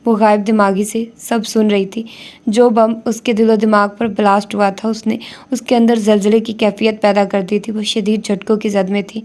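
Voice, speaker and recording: A woman narrates a romance novel in a steady, even reading voice. Her pitch stays flat and narrow. Her tone is dark and mellow. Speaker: audiobook narrator.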